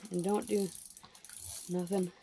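A young man hosting a fishing vlog, chatting casually and getting loud and excitable when a fish comes up, recorded by a camera inside a small ice fishing tent. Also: high voice, slow pace, creaky, a little hiss or hum, poor audio. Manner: excitable, shouting and laughing when a fish lands. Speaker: fishing channel host.

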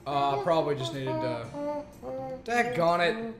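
A man's voice: mid-range voice, lively intonation, moderate pace, reverberant, music in the background. A man playing a game while telling a rambling, laid-back story in casual chat. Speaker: let's play co-host.

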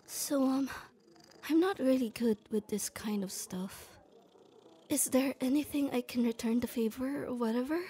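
At normal speed, a young woman with a high, mellow voice plays a shy tomboy in an ASMR roleplay. Speaking close to the mic to the listener, her gruff but kind character talks hesitantly and stammers.

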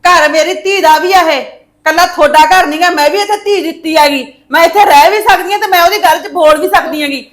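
A scolding, taunting mother in a family drama, played by a woman. Her voice sits very high and the words tumble out quickly. She needles everyone around her. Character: sharp-tongued meddling mother-in-law figure, woman. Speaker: visiting mother of the daughter-in-law.

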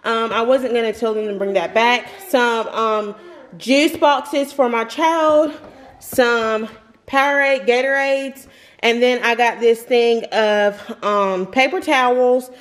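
A young woman in her twenties chatting casually through a grocery haul vlog at home, rambling and laughing often. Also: on the high side. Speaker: vlogger. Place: home kitchen, indoors. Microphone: camera on the counter.

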